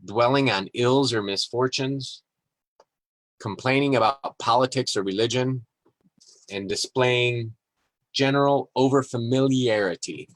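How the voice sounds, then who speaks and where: A man hosting a podcast in a relaxed, rambling way, reading passages aloud and chatting about them with fillers and small chuckles. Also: mid-range voice, unhurried, no echo, rough recording. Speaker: podcast host. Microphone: live-streamed podcast mic.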